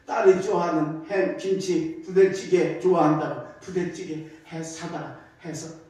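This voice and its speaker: An older man, a pastor, telling a story in a sermon with animated, emphatic repetition, heard from afar in an echoey church sanctuary. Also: fairly high pitch, unhurried, far from the mic.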